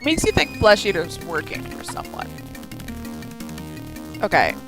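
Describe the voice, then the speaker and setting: Sleep-deprived young woman, animated game commentary. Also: lowish voice, measured pace, gravelly. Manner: wry, playful asides. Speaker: game streamer. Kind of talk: casual game commentary with reading aloud. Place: indoor room. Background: game music.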